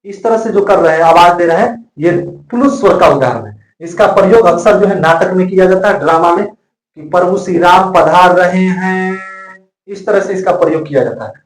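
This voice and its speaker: A man's voice: high-pitched, animated, brisk. A man teaching a classroom grammar lesson, repeating each point several times so students can note it down. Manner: repetitive, drills points by repeating them. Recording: echoey room.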